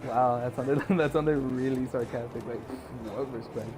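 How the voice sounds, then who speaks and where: A man's voice: mid-range voice, fairly even intonation, moderate pace. Young guy streaming games, rambly and sweary, lots of likes, noisy background. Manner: rambling, swearing, many fillers. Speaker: game streamer. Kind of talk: casual chat while streaming gameplay.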